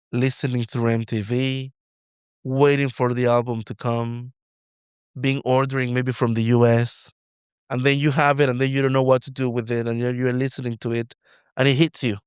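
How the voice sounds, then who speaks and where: A Mexican-accented man hosts an interview podcast, leading into his questions with long personal stories. His voice is smooth and resonant. The sound is close and dry. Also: mid-range voice, fairly even intonation, normal speed, no echo. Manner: expansive, storytelling questions. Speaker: podcast host. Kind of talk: casual interview.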